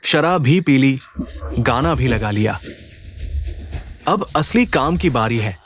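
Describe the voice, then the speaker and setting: A man's voice: mid-range voice, expressive, slow, faint music behind. An actor playing a smug company boss who orders his staff around. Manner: smug, bossy. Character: smug middle-aged male CEO.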